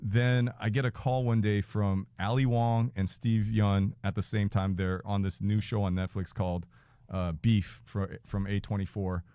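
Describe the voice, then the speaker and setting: A man with a fairly low voice, recorded close and dry, telling a loose anecdote as a guest. He rambles, swears freely, and switches into other people's voices while laughing through his own lines. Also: steady tone, moderate pace, mellow, clean tone, no room sound. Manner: profane, rambling, acts out quotes, laughs mid-sentence. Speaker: podcast guest.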